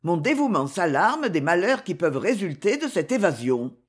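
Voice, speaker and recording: A reader voicing a scheming court favourite in a historical novel, caressing at times and strained and urgent at others, with a lively, slightly husky voice. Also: medium pitch, moderate pace. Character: Italian-born nobleman, scheming, tense favourite of a queen. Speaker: character in a read novel. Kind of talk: audiobook reading.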